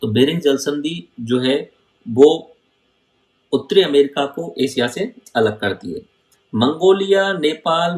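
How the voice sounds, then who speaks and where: A man's voice: medium pitch, echoey room, rough recording. A man teaching geography over a map, asking his students questions and answering them himself. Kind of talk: map-based lecture.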